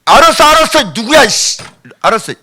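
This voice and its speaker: A preacher putting on a weary, doting God. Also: male voice, very high-pitched, normal speed, noisy background, pitched above the performer's own voice. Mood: exasperated. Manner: weary, indulgent scolding. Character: God, exasperated yet doting father figure.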